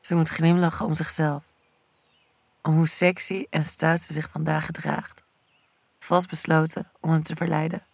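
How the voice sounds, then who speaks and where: A woman reads an erotic audio story aloud in a sensual, storytelling manner. She takes her time over every phrase at an unhurried pace. The sound is dry and close, with no room around it. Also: deep voice, level tone, vocal fry, darkish tone, breathy edge, no room sound. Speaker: narrator. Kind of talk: scripted erotic story narration.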